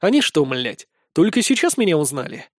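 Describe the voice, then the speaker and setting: A man reading a first-person fantasy novel aloud, with lively, expressive storytelling. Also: on the high side, moderate pace, dry recording, clean studio sound. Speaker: audiobook narrator.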